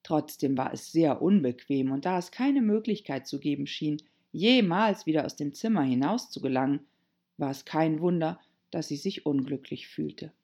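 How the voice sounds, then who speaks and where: A woman narrating a children's storybook in an expressive reading voice. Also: sits low, normal speed.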